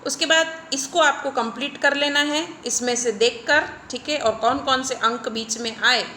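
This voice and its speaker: A woman teacher with a bright, clear, slightly high voice gives a recorded lesson. She explains each point step by step and keeps checking in with her students. The sound is echoey, as if taped in a bare room. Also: normal speed, a little hiss or hum. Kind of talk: recorded Hindi grammar lesson.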